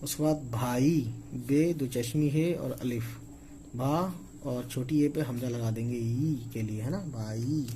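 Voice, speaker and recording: A man's voice: medium pitch, mellow, a little hiss or hum, poor audio. A man teaching how to write words in Urdu script, spelling each one out letter by letter and checking in with a frequent "okay". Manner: slow, spells letters aloud, repeats okay often. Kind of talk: casual spoken lesson.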